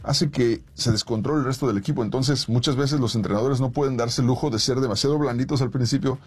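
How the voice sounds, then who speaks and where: A man's voice: mid-range voice, fast talker, husky. A man co-hosting a talk show, chatting casually and animatedly about coaching kids. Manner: animated, acts out talks to kids. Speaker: co-host, former youth coach. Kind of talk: casual discussion.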